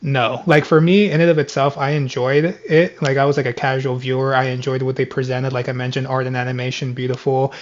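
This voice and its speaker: A man talks through a casual review on his gaming channel in a rambling way, padding nearly every thought with "like". His voice stays fairly flat and level. It is picked up by a headset mic that sounds dull and lo-fi. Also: medium pitch, fairly quick, hardly any pauses. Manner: rambling, fills speech with "like".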